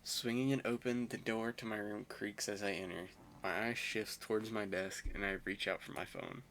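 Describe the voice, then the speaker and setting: A man's voice: lowish voice, steady tone, moderate pace, a bit bright, slight background noise. A young man playing a visual novel, reading the narration aloud and mixing in chatty, self-mocking asides. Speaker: gamer.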